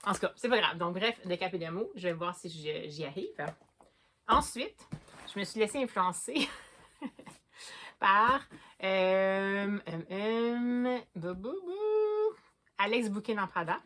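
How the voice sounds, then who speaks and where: A woman's voice: mid-range voice, slow, a bit bright, slight background noise. A woman with a Québécois French accent chatting casually about books as a vlogger, hesitating often and restarting her sentences. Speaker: book vlogger.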